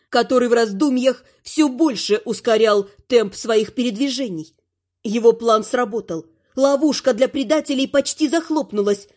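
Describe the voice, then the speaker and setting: High-voiced woman narrating an audiobook. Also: a little mellow.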